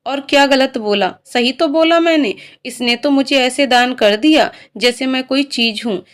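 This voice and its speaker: A proud young male student from a spoken story, read by a woman, earnest and quick to take offense. His lines sit a little lower than the narrator's own voice. The reading stays plain. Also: clear, resonant tone, close to an everyday voice. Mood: resentful.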